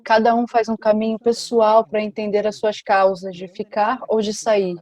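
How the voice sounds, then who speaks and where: A woman giving a simultaneous interpretation at a panel, with a steady, measured delivery. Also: mid-range voice.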